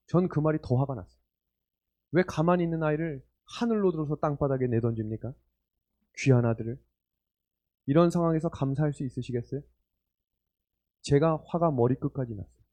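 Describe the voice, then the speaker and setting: A man's voice: fairly high pitch, mellow. A man in his forties preaching a sermon, telling a personal story and putting questions to his listeners in an earnest way. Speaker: pastor. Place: church hall or retreat meeting room.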